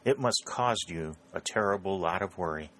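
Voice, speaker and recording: A man's voice: low-pitched, normal speed, fairly bright tone. A man reading aloud, voicing a stern and honorable young male captain in a storybook reading. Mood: wry.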